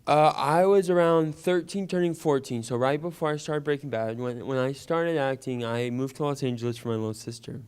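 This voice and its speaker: Young man with a smooth voice. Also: medium pitch, brisk, few pauses. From Louisiana, US. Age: young adult. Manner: animated, acts out childhood conversations. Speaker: actor guest. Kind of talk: personal storytelling.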